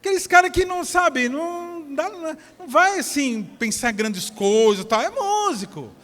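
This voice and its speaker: A man with a Brazilian Portuguese accent preaching a sermon at a church service, telling stories in an animated way that swings from near-shouts to soft asides. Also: very high-pitched, moderate pace. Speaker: pastor. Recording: long church hall reverb.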